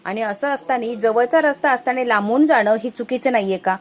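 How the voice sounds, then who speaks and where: Recap narrator: woman, brisk and high-ish, plays all the characters. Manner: retells dialogue quickly, switching voices for each character. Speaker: serial episode recap narrator. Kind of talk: fast casual recap, acting out characters' lines.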